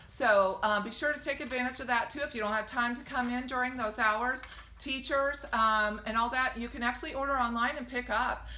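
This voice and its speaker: A woman's voice: fairly high pitch, sharp tone. A woman in her forties, a boutique owner, chatting upbeat through a sale walkthrough in a store, with frequent ums and gushing praise. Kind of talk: casual sales walkthrough video. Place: shop doorway outdoors, then inside a store. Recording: roomy sound with faint background noise.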